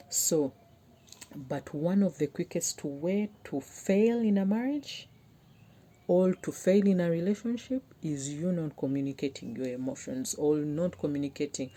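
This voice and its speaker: A woman's voice: low-pitched, dark tone. A young woman vlogger talking earnestly to her viewers, pleading and heartfelt as she gives relationship advice. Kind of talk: personal talk to camera.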